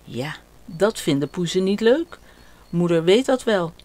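An older woman voicing a gentle, patient mother with a soothing tone in a children's story. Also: on the low side, animated, measured pace. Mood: caring.

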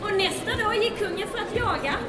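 A woman's voice: very high-pitched, animated, takes it slowly, a loud crowd. A woman in her thirties narrating a story theatrically, projecting from a stage. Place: large indoor hall on a stage. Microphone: far camera in the audience. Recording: echoey hall from far off, music, audience noise.

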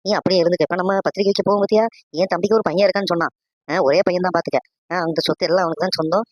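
A performer voicing a bossy, sharp-eared old village matriarch in a cartoon, with a scolding manner. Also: medium pitch, fairly even intonation, rapid-fire, no echo, lo-fi sound, natural voice. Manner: scolding, commanding. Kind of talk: animated cartoon dialogue.

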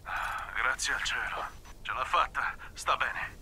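A man's voice: medium pitch, measured pace, pushed and bright, a little hiss or hum. An actor playing a concerned male friend of the heroine in a video game. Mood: relieved concern. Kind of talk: dramatic video game acting.

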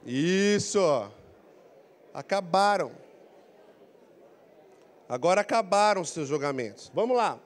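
Brazilian male coach, middle-aged, high-pitched and animated, handheld mic, lecture to a big hall. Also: takes it slowly, long pauses. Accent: Brazilian Portuguese. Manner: animated, prompts audience to repeat phrases. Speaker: career coaching speaker. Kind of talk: lively motivational lecture. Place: large council auditorium. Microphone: handheld mic, walking the floor.

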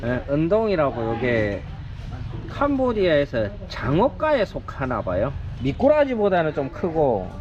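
The speaker is a middle-aged South Korean vlogger chatting and narrating casually, rambling and often muttering under his breath. His slightly high voice swings hugely in pitch at a measured pace; he's in a busy rural Cambodian family home, with muffled, noisy audio and crowd chatter.

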